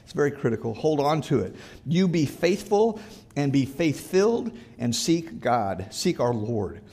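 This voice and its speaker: A man's voice: mid-range voice, sing-song, measured pace, mellow. A male pastor preaching a sermon, earnest and emphatic, repeating his exhortations.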